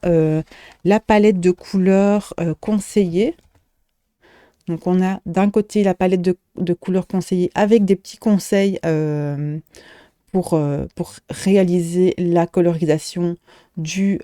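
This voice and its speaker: A middle-aged woman shop owner talks through her purchases in a casual vlog, stopping often to search for words. Her voice sits low and warm, and the recording is dry and close, with little room sound. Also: dry recording. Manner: hesitant, many fillers and restarts, friendly chatter. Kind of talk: casual show-and-tell vlog.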